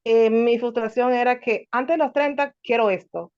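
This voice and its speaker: A woman in her thirties speaks up on a video call, telling her own example slowly and with small pauses. Her voice is somewhat high. The audio is dull and muffled. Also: darkish tone, clear, resonant tone. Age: 30s. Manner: slow, thoughtful, hesitant with fillers. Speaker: participant in an online session. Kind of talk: sharing a personal example.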